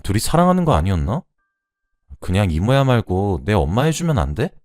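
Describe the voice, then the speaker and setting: A man's voice: lowish voice, big pitch swings, fairly quick, a little mellow, no room sound, clean studio sound, faint music behind. A man voicing a cheerful young woman, a niece, who chatters playfully and pleads with her aunt. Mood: playful, pleading.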